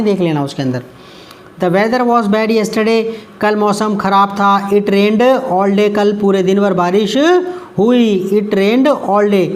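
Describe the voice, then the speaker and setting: A man with an Indian accent teaching English grammar, asking his pupils questions and reading examples out slowly. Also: high-pitched. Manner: many fillers and restarts, asks the class questions.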